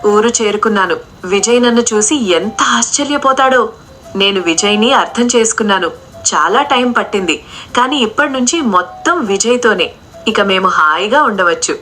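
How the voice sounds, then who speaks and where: A woman's voice: mid-range voice, lively intonation, moderate pace, pushed and bright. A woman voicing a loyal young wife who returns to find herself betrayed, speaking in a pleading, anguished way. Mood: hopeful.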